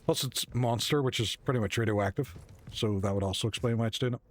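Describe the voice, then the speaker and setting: A man's voice: mid-range voice, quick pace. A man casually commentating a game playthrough, rambling and talking to himself and his viewers. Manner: chatty, rambling, talks to himself and chat. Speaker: gamer streaming a playthrough.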